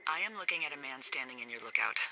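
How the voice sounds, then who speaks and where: An actress playing a playful, quick-witted fire lookout supervisor who talks over the radio in a video game. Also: female voice, very deep voice, gravelly, heavily acted. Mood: worried. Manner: teasing, animated. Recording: game audio over loud forest noise.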